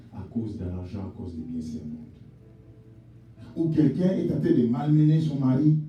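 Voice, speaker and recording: A male pastor preaching a sermon in a church, swinging between shouted exhortation and low, quiet address, calling the congregation mother, father and sister. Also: far from the mic. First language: not English. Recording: echoey church hall, voice from off-mic.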